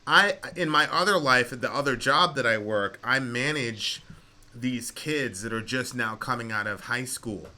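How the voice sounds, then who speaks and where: A man's voice: medium pitch, normal speed, bright, forceful tone. A man hosting a radio talk show, giving his opinions conversationally to a caller and repeating phrases for emphasis.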